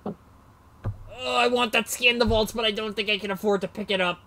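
A man's voice: sits high, fairly even intonation, fairly quick, bright, forceful tone, slight background noise. A man casually narrating his moves in a card game match, rambling and self-mocking, often losing his train of thought. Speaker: card game player and commentator.

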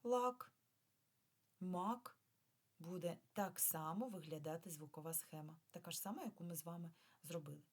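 A woman teacher giving a remote lesson to first graders, drawing out sounds slowly and patiently asking the children questions. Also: lowish voice. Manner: slow, clear, drawn-out sounds for children. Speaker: primary school teacher.

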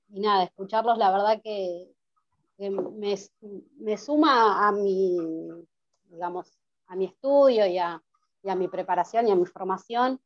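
A woman's voice: mid-range voice, dry recording. An Argentine woman asks a question from the audience of an online panel. She sounds hesitant and searches for her words. The call audio is dull and dry, with no room sound. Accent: Argentine Spanish. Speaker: audience member asking a question.

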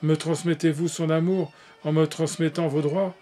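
A man's voice: on the high side, flat delivery, normal speed, mellow, lightly acted. A man reading the part of a pale, despairing young man who pleads solemnly with his brother. Faint music plays behind him. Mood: pleading.

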